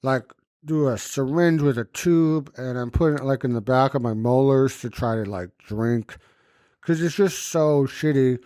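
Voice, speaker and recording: A man's voice: mid-range voice, normal speed, dark tone, no echo, clean studio sound. A man chatting casually and cursing freely, his speech impeded and muffled by a swollen lip and splints in his mouth. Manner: loose, informal, frequent cursing. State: puffy swollen lip and banded jaw after surgery. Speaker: podcast host. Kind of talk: casual chat, recounting a personal experience.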